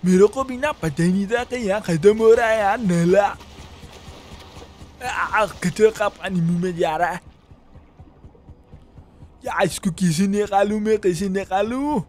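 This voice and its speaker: A man doing a broke young shop helper in a game role-play, talking to himself nonstop in a Pakistani Urdu accent. His voice sits high for a man, and he rambles and chuckles between lines. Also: a little slow, long pauses, a little mellow, faint music behind. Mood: panicked. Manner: rambling self-talk, frequent chuckles and "yaar".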